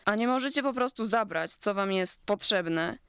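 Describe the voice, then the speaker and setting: A composed young woman, as a narrator puts her on, coaxing her friends and giving gentle orders. Her voice is smooth and resonant. The sound is dry and close, with no reverb. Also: mid-range voice, lively intonation, moderate pace. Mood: soothing.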